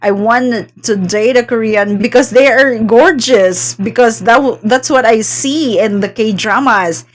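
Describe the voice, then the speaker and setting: A woman's voice: on the high side, measured pace, hardly any pauses. A woman from the Philippines chatting casually as she hosts a reaction video, with lots of fillers and laughs.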